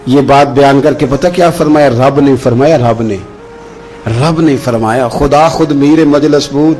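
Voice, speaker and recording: A man's voice: medium pitch, a little mellow. A male preacher delivering an emphatic, rhetorical sermon, moving between storytelling and melodic scriptural recitation.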